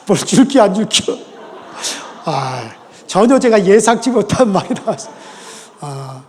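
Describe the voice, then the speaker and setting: A man's voice: high-pitched, a little mellow. A male pastor preaching a sermon in a folksy, joking way that turns earnest. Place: church sanctuary. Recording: long church reverb.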